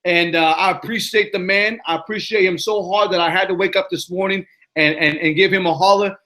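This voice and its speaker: A man with a New York accent, living in Arizona, hosts a live-stream motivational Q and A in a high, pushed, bright voice, a little fast with a steady tone. He's emphatic and preachy, repeating himself and asking "you know what I'm saying" again and again.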